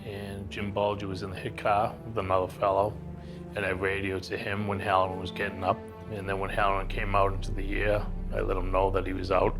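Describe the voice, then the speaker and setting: Man, documentary interview, matter-of-fact, low pitch, background music. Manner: plain, matter-of-fact telling with fillers. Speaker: interviewee recounting past crimes. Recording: music underneath.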